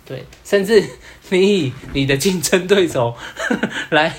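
A man's voice: high voice, lively intonation, slow pace, slight background noise. A man co-hosting a podcast in casual chat, rambling and often repeating himself. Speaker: podcast co-host.

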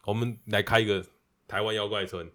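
A man's voice: fairly low pitch, brisk. A man telling a story in casual podcast chat, laughing often and acting out the people he quotes. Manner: animated, laughing storyteller who acts out quotes. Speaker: podcast host.

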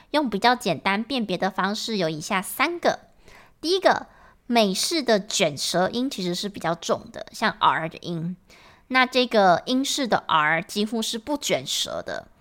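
A woman's voice: medium pitch, fairly bright tone. Taiwanese woman explaining a lesson. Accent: Taiwanese Mandarin. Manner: explanatory, patient. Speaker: English teacher. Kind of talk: podcast lesson.

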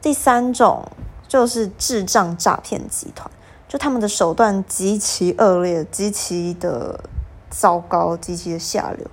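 A young woman, hosting a podcast and telling stories in a casual, animated way. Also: medium pitch, unhurried. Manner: animated, acts out quoted exchanges. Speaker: podcast host. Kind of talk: casual storytelling monologue.

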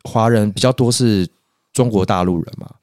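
A man's voice: fairly low pitch, no echo. A man from Taiwan with a Taiwanese Mandarin accent, a podcast guest chatting casually and telling stories with animation, close to the microphone. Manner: animated storyteller, quick to laugh. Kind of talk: casual chat.

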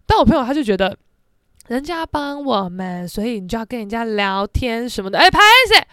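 A woman with a Taiwanese Mandarin accent tells a story in a brash, sassy way and breaks into loud indignant rants. Her voice sits a little high and comes through smooth and clear. The close mic gives a dry sound with no room echo. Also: fairly quick. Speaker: podcast host. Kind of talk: casual storytelling monologue.

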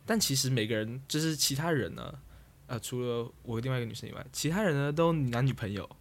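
Fast-talking young man rambling. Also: medium pitch. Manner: rambling storyteller, trails off and restarts, laughs at own jokes. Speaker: podcast co-host. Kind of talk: casual chat.

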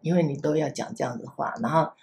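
An older woman with a Taiwanese Mandarin accent, a grandmother and former kindergarten teacher, chatting on a podcast and gently acting out how she talks to children. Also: sits low, very fast, creaky. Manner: gentle, repeats herself, acts out soft talk to children. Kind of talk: casual podcast chat.

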